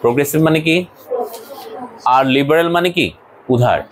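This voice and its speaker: A man's voice: on the high side, normal speed, slight background noise, rough recording. A male college English teacher, lecturing a classroom and explaining English words and phrases, sometimes scolding his students.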